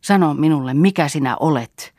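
A woman's voice: low voice, darkish tone, no room sound, clean studio sound. A woman reading an audiobook, voicing a passionate young man in love with an intense, pleading delivery.

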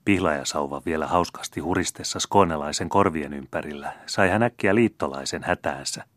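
A man narrating a classic novel as an audiobook in a measured, literary reading. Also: a bass voice, a bit bright, no room sound, clean studio sound.

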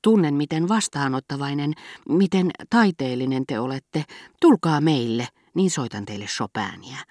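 A woman's voice: sits low, no room sound, clean studio sound. A woman reading an audiobook, voicing an effusive elderly aristocratic lady with a clattering, clunking voice. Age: over 60. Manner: effusive, flattering. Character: gushing elderly aristocratic marquise.

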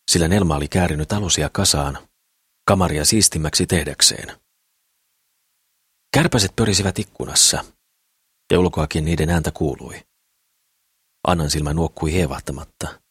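A man narrating an audiobook in a calm, steady reading voice. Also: very deep voice, pauses often, husky, dry recording, studio quality.

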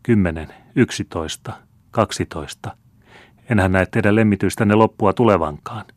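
A sly old fortune-teller woman, read aloud by a man in an audiobook, blunt and teasing as she counts out her predictions. The voice sits very deep and the sound is dry and close. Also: no echo, natural voice. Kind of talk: audiobook character reading.

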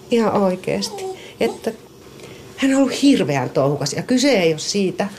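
A middle-aged woman chatting casually about her dog, lively and often stumbling over repeated words. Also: deep voice, slight background noise. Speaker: dog owner interviewee. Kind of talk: casual personal storytelling.

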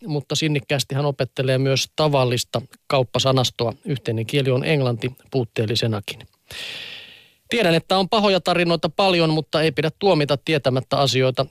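Calm male radio reader, dry studio sound. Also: medium pitch, no room sound. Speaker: radio press review reader. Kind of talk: reading newspaper excerpts on radio.

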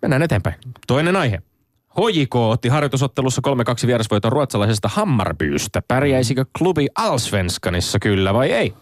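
A man's voice: mid-range voice, big pitch swings, no room sound. A male co-host of a sports show, arguing insistently in a staged debate and talking over his opponent. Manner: argumentative, insistent, interrupts.

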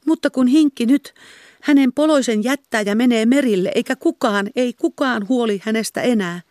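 A woman's voice: darkish tone, no room sound, studio quality. A woman voicing a tearful young woman in a brothel, pleading and tender, in an audiobook reading. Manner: high, plaintive and lamenting.

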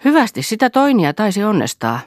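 A woman's voice: mid-range voice, sing-song, no room sound, clean studio sound, voice pushed up, lightly acted. A woman reading the lines of a bitter, domineering husband who talks with scorn and blame. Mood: scornful. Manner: scornful, accusing.

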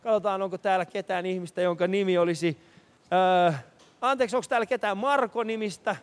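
A man hosting a live charity radio broadcast, walking a city street with a handheld mic and calling out names to passers-by. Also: high-pitched. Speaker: radio host. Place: city street outdoors, passing traffic.

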